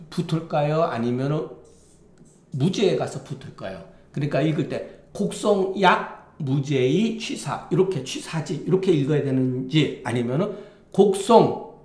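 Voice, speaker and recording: A man teaching a classical Chinese text as a lecture, talking in a halting way with many restarts and fillers. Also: a little high, dark tone, roomy sound.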